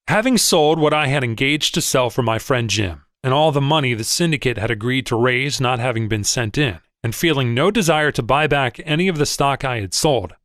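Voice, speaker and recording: A man reading a first-person story aloud as an audiobook narrator, in a measured, expressive manner. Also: medium pitch, no room sound, studio quality. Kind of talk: scripted narration.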